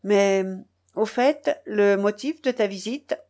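A woman reading an audiobook, lowering her voice to play a calm, stern gentleman asking questions. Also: slow, lightly acted. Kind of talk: audiobook character voice.

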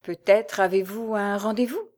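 A woman's voice: medium pitch, fairly even intonation, normal speed, a little mellow, close to an everyday voice. A woman voicing a jealous young masked woman at a ball, asking urgent questions. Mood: anxious.

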